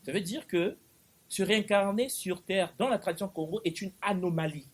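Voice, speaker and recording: A man giving a spiritual lecture at a conference, animated, acting out little dialogues and repeating himself. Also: high voice, moderate pace. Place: conference in Paris.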